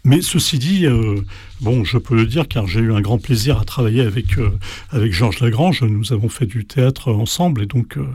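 A man's voice: medium pitch, normal speed, darkish tone, husky, no room sound. Man, interview guest, hesitant, many fillers and restarts, mid-range voice, dry recording. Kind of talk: explaining translation in conversation.

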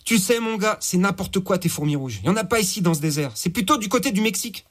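A man's voice: sits high, expressive, fast talker, fairly bright tone, pitched above the performer's own voice. A man voicing a defiant captive who answers his jailer with sarcasm. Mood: scornful. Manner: sarcastic, scornful.

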